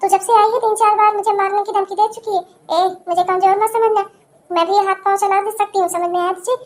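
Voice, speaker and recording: A woman voicing a scornful mother-in-law, very high-pitched. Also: steady tone, fairly quick. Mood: scolding. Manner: taunting, scolding. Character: scornful middle-aged mother-in-law, taunting.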